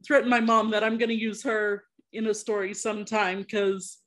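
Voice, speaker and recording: A woman's voice: mid-range voice, flat delivery, normal speed. A woman hosting a podcast interview, chatting in a friendly way and laughing often. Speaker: podcast host. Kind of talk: casual interview chat.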